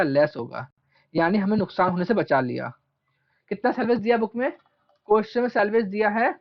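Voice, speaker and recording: A commerce teacher lecturing a class, asking questions and answering them himself, repeating key terms and drawing them out slowly as he writes. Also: high voice. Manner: stretches out terms slowly while writing. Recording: dull lo-fi recording.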